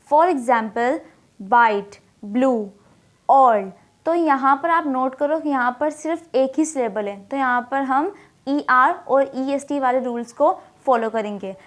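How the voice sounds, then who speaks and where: A woman explaining a grammar lesson, asking questions and answering them herself, and reading English examples slowly. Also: sits high. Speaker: English teacher.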